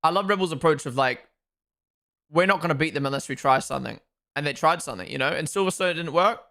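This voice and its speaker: A man's voice: a little high, lively intonation, fast talker, vocal fry, bright, forceful tone. A young man from Australia and New Zealand hosting a live race watchalong, giving chatty, opinionated commentary and talking to his chat.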